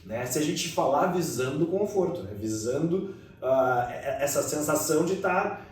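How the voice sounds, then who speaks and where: A man's voice: a little high, animated. A man, an English pronunciation teacher, chatting casually and often tagging sentences with questions. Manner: fast-talking, many tag questions. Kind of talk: casual conversation. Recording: echoey room from a distance.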